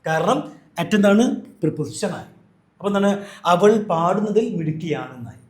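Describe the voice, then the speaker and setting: High-voiced man teaching grammar. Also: animated, normal speed, reverberant. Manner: asks and answers his own questions, repeats key points. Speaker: English teacher. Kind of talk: grammar lesson.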